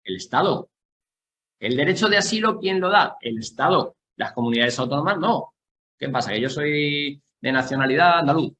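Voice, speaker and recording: A man's voice: on the high side, animated, a bit bright. A man from Castilla-La Mancha, giving an exam-prep lecture and checking in with the class as he explains. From Castilla-La Mancha, Spain. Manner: explanatory, keeps checking in with the class, slows to stress key points. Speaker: teacher.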